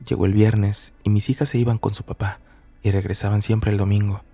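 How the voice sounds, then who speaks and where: A man reading a first-person horror story as scripted narration, measured and somber. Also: lowish voice, little pitch movement, mellow, faint music behind.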